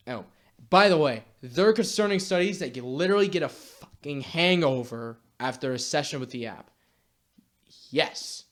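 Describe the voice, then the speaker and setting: A young man delivering a blunt, exasperated rant to camera, swearing casually as he lectures viewers. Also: medium pitch. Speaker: YouTube commentator.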